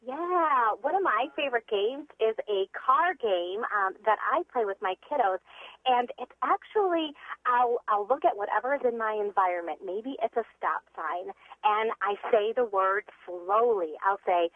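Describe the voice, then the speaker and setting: A woman's voice: fairly high pitch, lively intonation, moderate pace, no echo. Woman, reading tutor, phone-in guest, tinny phone line, dry sound, eager, lots of fillers. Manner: enthusiastic, frequent fillers. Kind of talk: phone-in interview.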